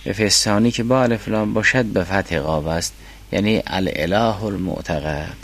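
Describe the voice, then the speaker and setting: A man teaching a class on a mystical philosophy text, reading classical quotations slowly and then explaining them. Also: lowish voice, fairly bright tone, a little hiss or hum.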